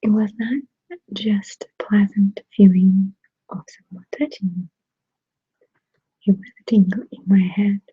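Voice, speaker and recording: A woman chatting to viewers in a soft, unhurried whispered ASMR style. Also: mid-range voice, steady tone, breathy edge, no room sound. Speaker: ASMR creator. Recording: dry tinny phone-like sound.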